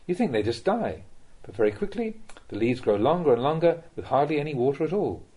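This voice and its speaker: On the high side and mellow, this slightly husky male voice reads a Buddhist Dhamma talk in the role of a monk. He sounds animated, yet his instruction is measured and aimed straight at the listener.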